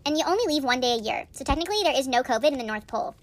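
A woman's voice: high voice, animated, very fast. A woman playing Santa's sensible elf helper in a comedy sketch, patiently explaining.

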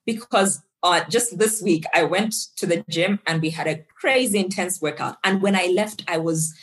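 A Zambian woman, a tech executive and fitness coach, joins an interview podcast as a guest. Her lowish voice moves at normal speed as she talks casually and upbeat, laughing often and growing animated when telling stories.

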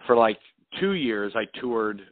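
Man, lowish voice, laid-back casual talk, dude and like, tinny phone-line sound. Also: lively intonation, measured pace, no room sound. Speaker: comedian guest. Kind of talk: casual storytelling chat.

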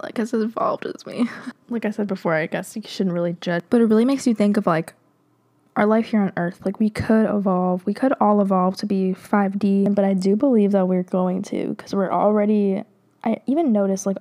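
Young woman, podcast host, slightly nasal, warm mellow tone, rambling casual chat, giggles. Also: mid-range voice.

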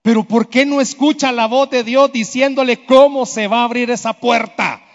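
High-voiced man preaching in a reverberant church. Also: steady tone, normal speed. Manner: emphatic, with rhetorical questions to the congregation. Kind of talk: sermon. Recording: dull sound with long hall reverb.

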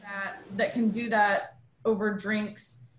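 A woman's voice: medium pitch, little pitch movement. A young adult woman from New Mexico, a bar owner, telling her background in an earnest, storytelling way during an interview. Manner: earnest, storytelling, thoughtful pauses. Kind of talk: interview conversation. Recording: roomy echo.

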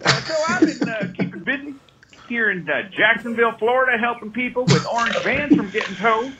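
A man's voice: very high voice, lively intonation, brisk, over a noisy crowd, low-quality recording. A man leaving a joking voicemail for a show, laughing through his words, played back as a phone message. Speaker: caller.

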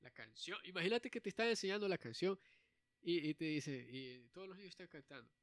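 A young man co-hosting a casual chat, animated and quick to laugh, often acting out the lines he talks about. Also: high voice, no room sound. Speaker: podcast co-host.

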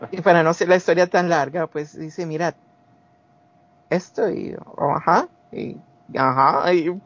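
A slightly high, unhurried male voice belongs to a guest in his forties from Guatemala who has a Guatemalan Spanish accent. He tells personal stories casually and ramblingly, with many restarts and acted-out quotes. The dull lo-fi recording has slight background noise.

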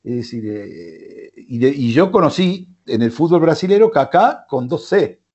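A man's voice: a little high, very animated, a little slow, a little mellow, breathy edge, dull audio. A man with an Argentine accent hosting a sports radio show, rambling with many fillers and restarts. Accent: Argentine Spanish. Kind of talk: casual sports radio talk. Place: radio studio.

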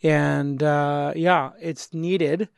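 A man's voice: a little high, steady tone, drawn-out words, gravelly, clean tone, dry recording. A man acting as host and judge, giving live feedback and probing with plain-worded questions.

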